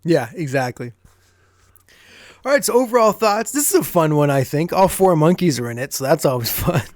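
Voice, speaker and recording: A man's voice: on the high side, sing-song, normal speed, no room sound, studio quality. A man co-hosting a podcast, recapping an episode in a casual, chatty way and often chuckling as he goes. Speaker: podcast co-host.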